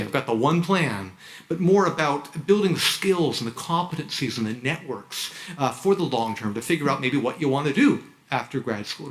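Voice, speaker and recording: A man's voice: on the high side, a bit bright, low-quality recording. A man giving a frank advice speech to new graduate students at an orientation, often repeating and restarting his words. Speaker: university orientation speaker. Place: university orientation hall.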